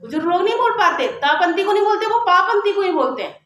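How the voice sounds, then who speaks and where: A woman teacher giving a classroom grammar lesson, explaining step by step and slowly sounding out letters to demonstrate. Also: very high voice, big pitch swings, a bit bright. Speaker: Hindi teacher. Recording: very echoey classroom with faint noise.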